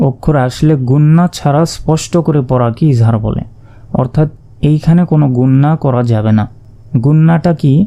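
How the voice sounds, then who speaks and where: A man teaching Quran reading step by step, spelling out each letter and vowel mark, then reciting the sounds slowly and drawn out. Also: mid-range voice, dark tone, highs cut off. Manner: patient, repeats and asks himself questions. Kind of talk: step-by-step lesson.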